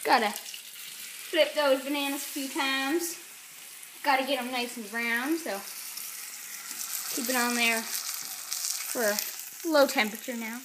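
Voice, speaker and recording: Woman chatting while she cooks, slow easy talk, pan sizzling loud in the back. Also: high voice, fairly even intonation, background noise. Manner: playful, muttering to herself while cooking. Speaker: home cook vlogger. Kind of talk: casual cooking demo. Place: home kitchen. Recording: echoey kitchen, sizzling pan.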